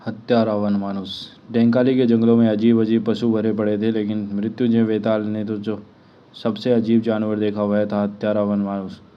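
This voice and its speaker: Man reading a comic aloud, flat lo-fi. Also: lowish voice, moderate pace, clear, resonant tone. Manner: reads every character's lines himself with light emphasis. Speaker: comic book reader.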